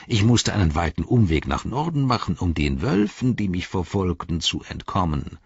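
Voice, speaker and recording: A man's voice: sits low, sing-song, normal speed, husky, no room sound, lo-fi sound, heavily acted. A man doing a whining, cringing traitor. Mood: fawning. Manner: whining, pleading. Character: cringing, whining treacherous male advisor.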